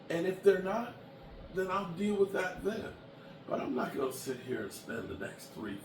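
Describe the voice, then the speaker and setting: A man in his late fifties chatting bluntly and emphatically as a sports vlogger, shifting from annoyed to heartfelt. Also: a little high. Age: 50s. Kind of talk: casual chat to camera. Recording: echoey room from a distance with background noise.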